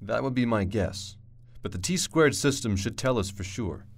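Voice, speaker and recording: A man playing a calm, decisive space-adventure hero and storyteller in an audio drama, measured and matter-of-fact. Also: medium pitch. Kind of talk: scripted narration and audio drama acting.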